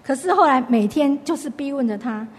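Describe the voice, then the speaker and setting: A woman's voice: sits high, expressive, brisk, in a large hall. A woman giving a chatty Bible lesson, retelling the story and restarting her sentences often. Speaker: Bible study teacher. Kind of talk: conversational Bible teaching.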